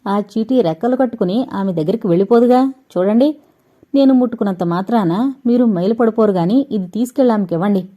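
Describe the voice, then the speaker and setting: A woman's voice: mid-range voice, a little fast, highs cut off, natural voice. A woman voicing a teasing young male doctor. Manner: teasing, good-humoured.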